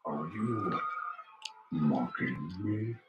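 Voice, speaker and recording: A man voicing a stern giant robot commander who speaks slowly in a deep robot voice. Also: expressive, reverberant, recorded from a distance, dull audio, background noise, exaggerated voice. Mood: offended.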